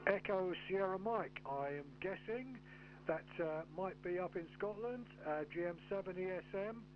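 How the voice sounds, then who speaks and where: A man's voice: high-pitched, normal speed. A man working as an amateur radio operator, chatting over the air with phonetic callsigns in a hesitant, methodical way. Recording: dull, noisy radio-shack audio with hum.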